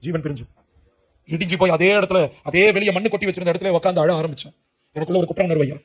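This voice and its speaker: A man delivers a heartfelt testimony sermon with a high-set voice. He pleads and cries out to the young people listening, full of urgency and emotion. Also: very fast, breathy edge. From Puducherry, India. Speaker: preacher giving his testimony.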